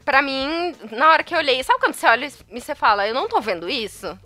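A young Brazilian woman, telling a story in casual chat, animated, laughing often and acting out the dialogue. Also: sits high, quick pace.

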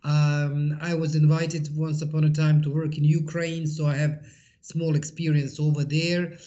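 Middle-aged Bosnian woman, halting and low-fi. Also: little pitch movement, dark tone, dull audio. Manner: halting, hesitant, searching for words. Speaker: interviewee, interfaith peace-building activist. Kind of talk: personal interview account.

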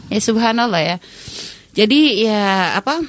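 Middle-aged woman, advice speaker; direct, chatty, animated storyteller. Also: mid-range voice, measured pace, slight background noise. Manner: direct, addresses listener as "Anda". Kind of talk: conversational advice talk.

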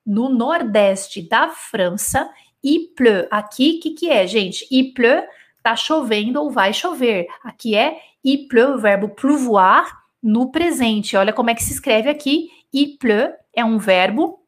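A woman's voice: on the high side, takes it slowly. A woman teaching a live French dictation lesson, explaining patiently and checking in with her students often. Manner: explains patiently, switching between Portuguese and French examples; animated, with frequent checks like "né?" and "d'accord?".

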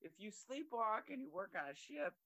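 A man's voice: very high-pitched, very animated, normal speed, gravelly, a crowd in the background. A young man telling long, rambling stories in casual chat, full of fillers and acted-out quotes.

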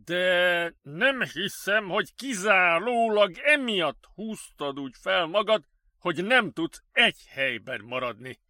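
A man voicing the exasperated male director of a psychiatric clinic, speaking slowly with a raised voice, in an audiobook. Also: sits high, expressive, pushed and bright, no room sound, clean studio sound, pitched above the performer's own voice, heavily acted. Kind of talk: audiobook character voice.

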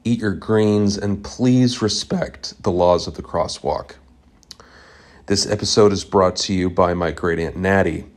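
Deep-voiced man, slow deadpan narration. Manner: deadpan and earnest. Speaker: podcast host. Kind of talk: scripted comedic narration. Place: home basement.

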